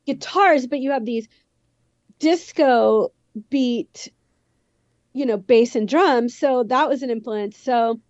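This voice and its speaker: A slightly high, somewhat mellow female voice moves at a slow pace with frequent pauses, recorded lo-fi and without echo. The speaker, a musician from the San Fernando Valley, rambles casually as a podcast guest, with a Southern California Valley Girl accent, a youthful teenage sound and a slight lisp.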